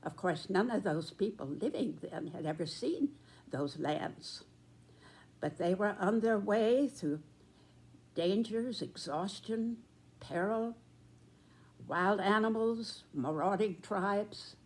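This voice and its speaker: Very slow-speaking American woman in her nineties. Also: mid-range voice, darkish tone. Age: 90s. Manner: deliberate, solemn phrasing with dramatic pauses. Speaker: storyteller recalling own past. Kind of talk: reflective spoken reminiscence.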